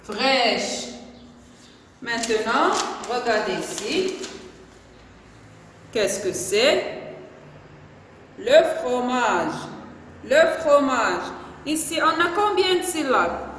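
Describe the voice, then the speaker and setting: A woman with a Moroccan French accent teaching a phonics lesson in a classroom, spelling out letters and syllables slowly and deliberately. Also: fairly high pitch, big pitch swings, fairly bright tone, slight background noise. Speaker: primary school teacher. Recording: echoey classroom with long reverb.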